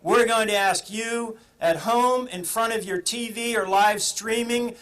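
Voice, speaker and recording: A man's voice: high voice, measured pace, fairly bright tone, poor audio. A man acting as master of a ceremony, announcing to the crowd in an emphatic, showman-like way. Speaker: ceremony master, club president. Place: outdoor ceremony. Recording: live outdoor event noise, crowd behind.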